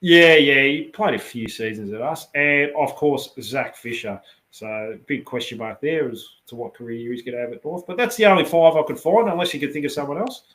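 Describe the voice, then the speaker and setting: Australian male podcast host, mid-pitched, casual rambling footy talk full of ums. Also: brisk, a bit bright. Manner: rambling, fillers and restarts.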